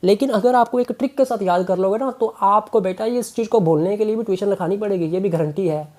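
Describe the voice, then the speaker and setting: A man's voice: sits high, quick pace, darkish tone. A male tutor teaching a chemistry exam lesson, coaxing his students and repeating key points. He mixes English terms into his Hindi.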